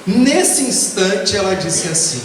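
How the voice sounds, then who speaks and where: Rio guy preaching spiritist talk, kinda high voice, super echoey hall, faint hum behind. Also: far from the mic. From Baixada Fluminense, Rio de Janeiro, Brazil. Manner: earnest, measured storytelling with lively pitch swings. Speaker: spiritist lecturer. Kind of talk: lecture with personal storytelling. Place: spiritist association lecture hall. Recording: echoey hall recorded from afar.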